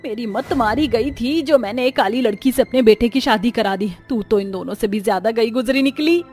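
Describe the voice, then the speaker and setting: Stern older mother-in-law voiced by a woman, cartoon story, high-pitched, faint background music. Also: lively intonation, moderate pace. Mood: furious. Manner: scolding, cursing outbursts.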